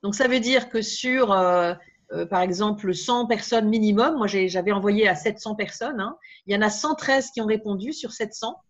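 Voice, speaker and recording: A woman speaker trainer giving a live workshop talk, lively and chatty, with many tag words and asides to the room. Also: medium pitch, normal speed. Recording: dull, lo-fi live recording.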